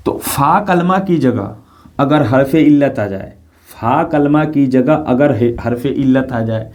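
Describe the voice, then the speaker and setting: Male teacher, middle-aged, warm low-toned delivery; patient lecture style, repeats key terms, frequent rhetorical check questions. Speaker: Arabic grammar teacher. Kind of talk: classroom lecture explaining grammar.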